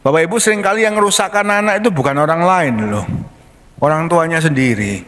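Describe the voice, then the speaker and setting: A male pastor tells stories from the pulpit in a casual, colloquial way. His voice sits fairly high for a man. A long reverb from a large church hall hangs on his words. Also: lively intonation, fast talker, a bit bright. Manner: conversational, colloquial. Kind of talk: storytelling sermon.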